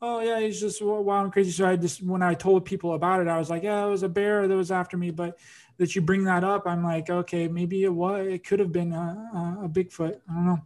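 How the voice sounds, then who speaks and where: Flat-toned man telling a rambling story. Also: high voice, brisk. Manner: rambling storytelling, many fillers and restarts. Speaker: podcast host. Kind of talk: casual interview chat.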